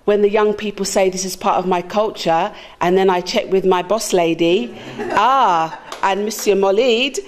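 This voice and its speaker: A woman's voice: mid-range voice, normal speed. Effusive woman mentor giving thanks. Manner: effusive, grateful. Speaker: school learning mentor. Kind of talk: speech at a community meeting.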